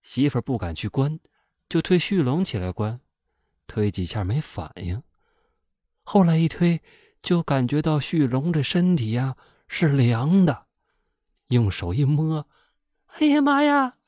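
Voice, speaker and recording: A man narrating a folk ghost story in an animated, colloquial way. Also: mid-range voice, a little slow, dry recording, clean studio sound.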